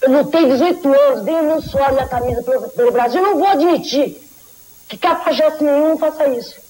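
A middle-aged woman from Argentina, speaking into a lapel mic in a TV studio, telling her story in an agitated, rushed, indignant way. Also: high-pitched, warm tone, poor audio. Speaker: retired athlete giving testimony. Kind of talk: studio testimonial.

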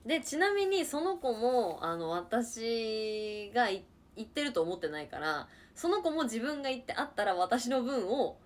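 A young woman in her twenties from Niigata, Japan, hosting a casual livestream chat and answering viewers with quick reactions and frequent laughter. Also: fairly high pitch, very animated. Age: 20s. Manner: chatty, reacts to comments, laughs often. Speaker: livestream host chatting with viewers.

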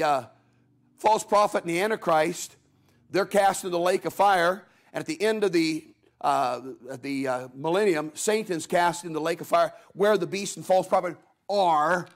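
A man preaching a folksy sermon in a church, telling stories and acting out the voices of people in them. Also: on the high side. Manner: folksy storytelling preacher, acts out voices of Bible figures. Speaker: guest preacher.

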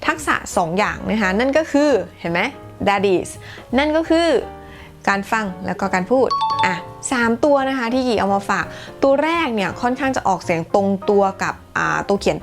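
A woman hosting her own channel, teaching English in a bilingual lesson with a chatty, playful, self-teasing manner and careful model sentences. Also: medium pitch.

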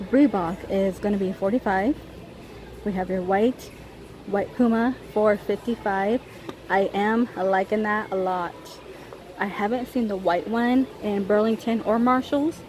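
In a low-quality recording, a medium-pitched woman with a dark tone walks viewers through a big store, American and chatty in vlogger style. She films on a handheld phone or camera, picking up clear ambient store sounds.

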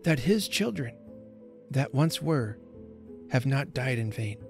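A man's voice: medium pitch, expressive, slow, vocal fry, faint music behind, pitched above the performer's own voice. Grave old Father Time, read by a man. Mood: solemn. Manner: grave, solemn, gentle.

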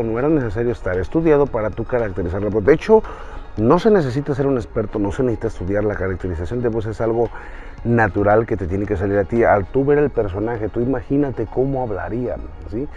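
A man casually teaching voice acting online, animated and speaking straight to the viewer. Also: fast. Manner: animated, talks straight to the viewer, jumps between pitches. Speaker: voice-acting teacher, channel host. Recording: dull lo-fi sound with faint music.

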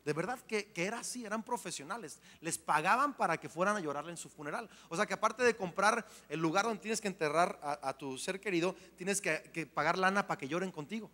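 Male pastor, high bright voice, lively playful sermon, long hall reverb. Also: a little fast, hardly any pauses. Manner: animated, playful preaching with acted-out voices.

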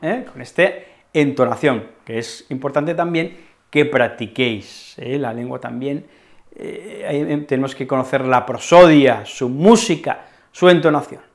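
A man with a Spanish accent teaching a language lesson to camera, expressive and often checking in with "¿vale?". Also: mid-range voice, a little slow. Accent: Spain. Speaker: Spanish teacher, channel host.

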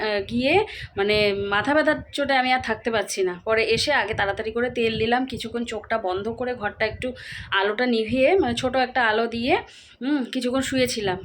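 Fast-chatting woman vlogging at home. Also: a little high, a bit bright, slight background noise. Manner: rapid chatty talk with fillers. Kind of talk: casual vlog chat to viewers.

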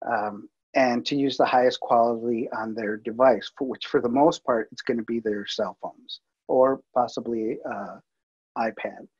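A man's voice: medium pitch, steady tone, measured pace, a little mellow, husky, muffled recording. A man presenting a workflow over slides in a webinar, talking casually with many fillers and restarts. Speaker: multimedia producer presenting.

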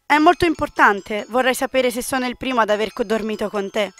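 A woman reading the lines of a calm, quietly possessive young man in a dating game, keeping close to her own voice. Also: on the high side, fairly quick, soft background music, lightly acted. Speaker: game player reading a character.

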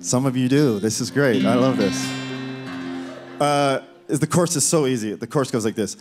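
A man's voice: mid-range voice, moderate pace. A man talking from the stage at a folk concert in rambling, self-deprecating banter full of fillers, with guitar behind him. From Canada. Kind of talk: relaxed stage banter between songs. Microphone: stage vocal mic. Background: guitar playing.

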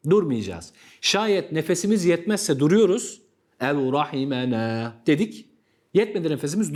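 A man with a Turkish accent teaching Quran recitation rules, patiently repeating words slowly to demonstrate correct pronunciation. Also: fairly high pitch, a little mellow. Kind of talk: tajweed lesson.

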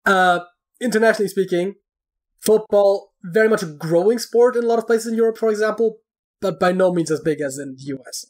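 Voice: medium pitch, fairly quick. A podcast guest in casual chat, explaining at length with many fillers and restarts.

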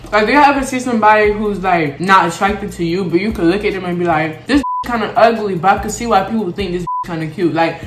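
A young woman with a lowish voice chats frankly and swears casually while eating on camera. She talks between bites in a relaxed, unscripted way. The sound bounces around an echoey room at home. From Florida, USA. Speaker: mukbang vlogger.

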